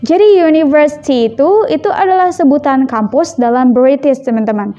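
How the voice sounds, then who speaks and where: A woman English teacher from Indonesia gives a vocabulary lesson, mixing two languages and repeating words slowly for practice. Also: sits high, dark tone, dull audio, soft background music.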